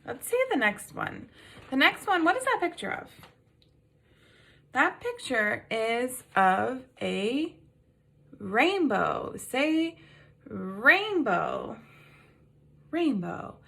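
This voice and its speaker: Slow sing-song kindergarten teacher, woman. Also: sits high, very animated, vocal fry, fairly bright tone. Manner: slow, sing-song, patient prompting with questions. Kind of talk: phonics lesson to young children.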